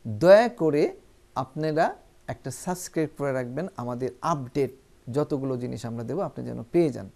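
A teacher talking straight to the viewers through a spoken English lesson, with a pitch that swings up and down a lot. Each point gets explained step by step, and then the English examples are read out slowly and with care. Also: expressive, vocal fry, darkish tone. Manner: addresses viewers directly and often.

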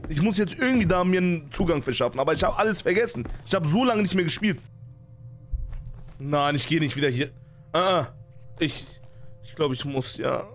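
A man's voice: fairly high pitch, animated, fairly quick, pauses often. A man giving panicky, jumpy let's play commentary on a horror game, full of sworn exclamations. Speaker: gaming streamer.

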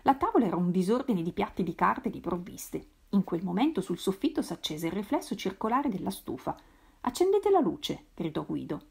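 A woman reading a novel aloud in a measured, expressive way. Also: mid-range voice, gravelly, husky. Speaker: reader. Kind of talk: literary read-aloud.

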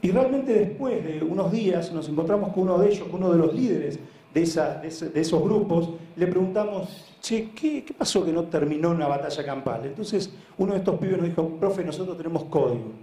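The head of a social sports foundation from Argentina speaks with a Buenos Aires accent in a slightly high, animated, fairly quick and warm voice. His informal, story-driven conference talk is earnest and emphatic, with repeated words and frequent check-ins, captured live in an echoey room.

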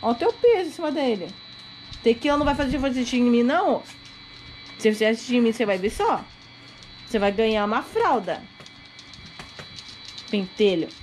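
A woman's voice: on the high side, animated, moderate pace, pauses often, a little mellow, soft background music, poor audio. A woman in casual baby talk to her pets at home, cooing and repeating pet names in a sing-song way. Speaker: vlogger talking to her pets. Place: home with dogs around.

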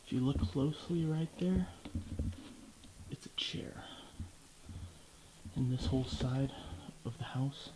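A young man talks eagerly to a camera he holds at arm's length as he explores a ruined house. His voice sits at an ordinary pitch, and he sometimes drops to a quiet aside. Clear outdoor noise runs beneath him. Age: young adult. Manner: loud and excited, drops to hushed asides. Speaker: vlogger. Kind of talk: exploration vlog narration. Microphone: handheld camera at arm's length.

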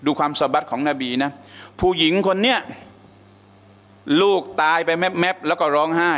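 A man's voice: fairly high pitch, normal speed, fairly bright tone. A male religious teacher giving a lecture in a mosque, telling stories and often asking the audience questions in a conversational way. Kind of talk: sermon lecture with storytelling.

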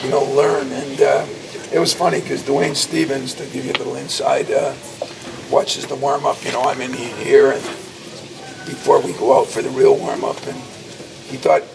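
Speaking at medium pitch and a moderate pace, this sixty-something college basketball coach keeps a steady tone with some vocal fry as he answers reporters crowded outside the locker room after a game. He tells stories and stresses his points. He sounds far from the mic, with music behind him; handheld mics bunch close, and the noisy hallway recording has the mic about a step off.

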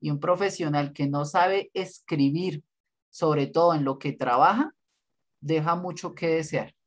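A man's voice: on the high side, a little slow. Man, design teacher, lecturing and correcting bluntly, no-nonsense. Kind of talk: online class feedback.

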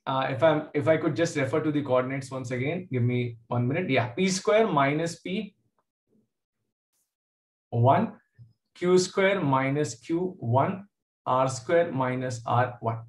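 A man's voice: mid-range voice, unhurried. A man with a South Indian accent teaching a live online maths lesson, informally questioning students and calling on them by name. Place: indoor room, online class from a computer. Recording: echoey room.

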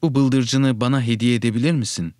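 A man's voice: medium pitch, steady tone, a little fast, dry recording, lightly acted. A man reading the lines of a tender-hearted young boy in a told story, earnest and pleading, in a dry, close recording. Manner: pleading, earnest, rising to shouts.

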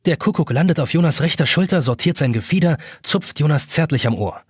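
Husky animated male audiobook narrator. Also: a little high, a little fast, no room sound, studio quality. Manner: expressive, animated storytelling. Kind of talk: scripted narration.

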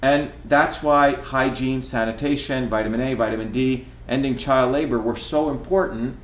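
A man's voice: mid-range voice, moderate pace. A middle-aged man from India, talking while he cooks in his home kitchen, emphatic and lecturing, often asking "okay?" to drive his points home. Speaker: host. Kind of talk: casual talk while cooking. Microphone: camera across the kitchen. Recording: echoey kitchen room.

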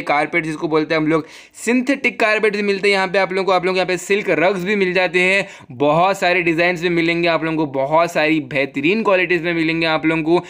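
Man, promotional voice-over, rapid salesy pitch, slightly high pitch. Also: a bit bright. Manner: fast salesy pitch, repeats "dude". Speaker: shop promoter. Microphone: voice-over over photos.

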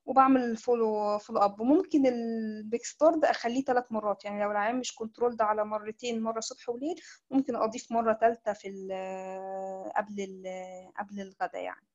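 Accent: Egyptian Arabic. Sex: woman. Pitch: fairly high. Pace: very fast. Style: medical lecture. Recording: dull video call audio. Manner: rapid, explains step by step with many restarts. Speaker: doctor giving an online lecture.

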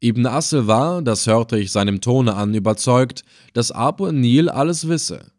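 A man's voice: medium pitch, animated, a little slow, a little mellow, no echo, clean studio sound. Man narrating an adventure audiobook. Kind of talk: first-person audiobook narration.

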